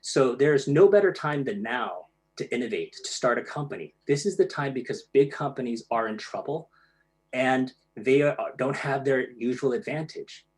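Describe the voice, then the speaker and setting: A man's voice: medium pitch, animated, normal speed. A man giving a presentation, explaining ideas plainly with casual fillers and restarts. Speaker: speaker giving a talk. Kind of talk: presentation to an online audience.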